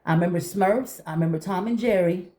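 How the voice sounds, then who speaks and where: A middle-aged woman chatting casually to viewers while eating, telling stories in an animated way and acting out conversations. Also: fairly low pitch, fast. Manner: talking while eating breakfast. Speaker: vlogger.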